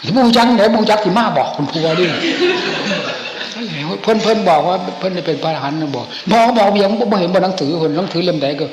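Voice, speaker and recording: An older man, a senior monk with an Isan northeastern Thai accent, telling stories from memory in an informal, animated old-man way and acting out the dialogue. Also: high voice. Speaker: senior Buddhist monk reminiscing. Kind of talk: informal storytelling, reminiscing. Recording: echoey hall with clear background noise.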